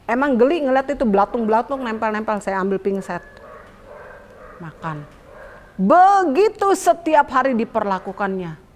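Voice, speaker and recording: Woman, pastor, personal testimony, lively storytelling, speaks to listeners, echoing room, faint hiss. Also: mid-range voice. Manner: lively storytelling, acts out quotes; addresses listeners directly.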